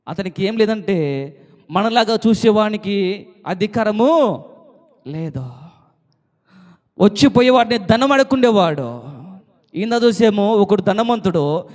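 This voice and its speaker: A man preaching a sermon in a repetitive chanting cadence, his phrases dropping low at the ends. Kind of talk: Telugu sermon. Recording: long hall reverb.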